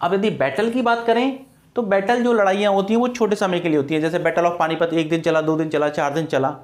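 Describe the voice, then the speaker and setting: A man teaching an exam-prep English lesson, with a voice that sits a little higher than most men's. He keeps asking his students a question and then answering it himself, and he stretches out the key words so they stick. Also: fairly even intonation, brisk.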